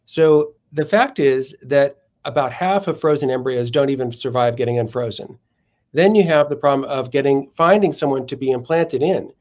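A man, a guest in a podcast interview, explaining philosophical arguments in a measured, methodical way and often correcting himself mid-phrase. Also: mid-range voice, darkish tone.

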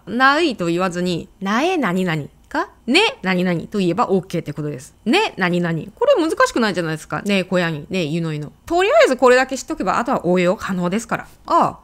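A woman hosting a lively language lesson, talking straight to her viewers with playful rhetorical questions; her first language is Korean. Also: medium pitch. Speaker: language teacher and video host. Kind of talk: lively explanatory lesson to camera.

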